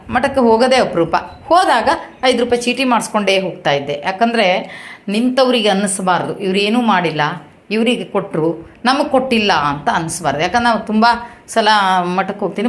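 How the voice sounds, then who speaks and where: A woman from Uttara Kannada retelling a temple visit in a casual storytelling monologue, acting out the people she quotes. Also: medium pitch. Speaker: vlogger recounting a temple visit.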